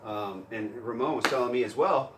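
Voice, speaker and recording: Animated man coaching jiu-jitsu, roomy sound. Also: normal speed, background noise. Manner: animated, acts out panicked grappler in higher voice. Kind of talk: casual instructional chat. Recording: roomy, distant mic with faint gym ambience.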